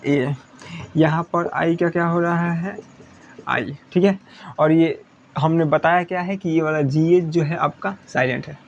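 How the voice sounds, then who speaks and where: Young male teacher, slightly high voice, repetitive step-by-step explaining, faint hiss behind. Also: darkish tone, dull audio. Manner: repetitive, checking understanding with "thik hai". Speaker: English teacher. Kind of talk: whiteboard lesson in Hindi.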